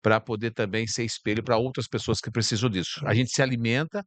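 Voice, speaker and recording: On a bar stage as a podcast guest, a man from Brazil talks casually with a mid-range voice at a slightly fast clip, and there's no room sound. His tone is calm, reflective and spiritual, and he frequently repeats words as he gropes for what to say.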